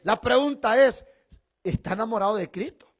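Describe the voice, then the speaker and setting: A man's voice: extremely high pitch, normal speed. A middle-aged male pastor preaching a sermon in a conversational way, teasing his congregation, then building to emphatic proclamation.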